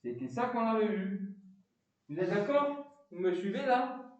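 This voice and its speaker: A philosophy teacher with a foreign accent, lecturing a class with animated delivery, often stopping to ask students questions and repeating words. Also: male voice, sits high, measured pace, very echoey, distant mic, muffled recording. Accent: foreign accent in French.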